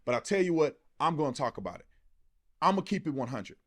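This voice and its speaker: His voice fairly high and swinging widely in pitch, a political commentator rushes through an impassioned, colloquial monologue of opinion. He leans on emphasis and repetition and often asks rhetorical questions.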